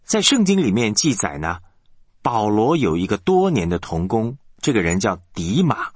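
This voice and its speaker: A man's voice: lowish voice, sing-song, normal speed, breathy edge, dry recording. A male pastor preaching a sermon, asking the congregation rhetorical questions.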